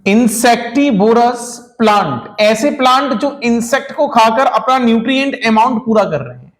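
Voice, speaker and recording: A man with a strikingly high-pitched voice teaches a class in a lecture style. He keeps putting rhetorical questions to his students, whom he calls children, and he repeats the main points. English terms are mixed into his speech. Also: expressive, normal speed. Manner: mixes English terms into Hindi.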